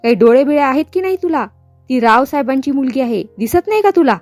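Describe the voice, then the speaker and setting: A woman's voice: sits high, lively intonation, fast, darkish tone, no echo, soft background music. A woman voicing a bold, brash young man who defiantly rebukes a shopkeeper.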